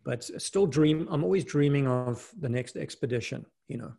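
This middle-aged man, who grew up in South Africa, is an investment fund manager and mountaineer appearing as an interview guest. His medium-pitched voice is gravelly and husky at a moderate pace, and he speaks in a relaxed way, frequently restarting and dropping "you know."

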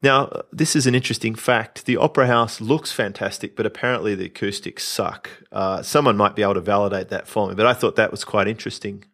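A man's voice: lowish voice, fast talker, hardly any pauses. Confident man hosting a chatty podcast. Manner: confident, animated storytelling with asides. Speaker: podcast host, entrepreneur coach. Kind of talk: casual podcast chat.

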